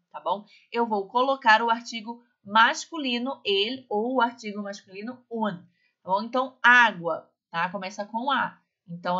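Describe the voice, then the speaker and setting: A woman's voice: medium pitch, pushed and bright. A woman teaching a Spanish lesson, explaining step by step and checking understanding after every phrase. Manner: explains slowly, ends phrases with "tá bom?"; reads Spanish examples slowly and carefully. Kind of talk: recorded online class lesson. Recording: slightly dull lo-fi sound.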